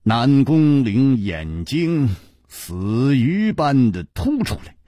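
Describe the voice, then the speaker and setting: A man's voice: very animated, takes it slowly, dark tone, dry recording. A man narrating a story dramatically, recorded in a studio. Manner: dramatic, with wide swings in pitch.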